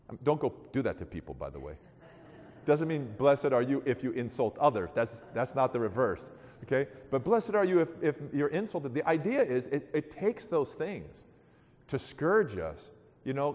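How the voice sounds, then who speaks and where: A man's voice: mid-range voice, darkish tone, big-room sound. A man giving a sermon in a loose, conversational storytelling manner, acting out the voices of people in his stories.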